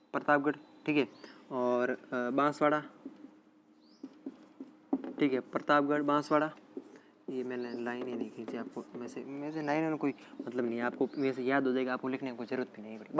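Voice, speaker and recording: Male teacher, slow repetitive dictation, faint hiss and birds behind. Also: medium pitch, a bit bright. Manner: slow, repetitive dictation with frequent "theek hai" check-ins. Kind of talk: exam-prep geography lesson.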